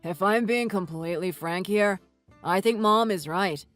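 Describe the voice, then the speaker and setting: A man voicing a husband who hedges and makes excuses, over soft music. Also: sits high, measured pace, no echo. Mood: excusing. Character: evasive, self-excusing husband. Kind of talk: read-aloud text-message story. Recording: dry voice with soft music underneath.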